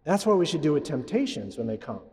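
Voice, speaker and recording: A male priest preaching in a church with a slightly raised pitch. He talks in a loose, conversational way and keeps putting questions to the people in the pews. His voice carries a long church reverb. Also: sing-song, fast talker, a little mellow, slightly rough. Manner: conversational, asks the congregation questions. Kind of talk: sermon.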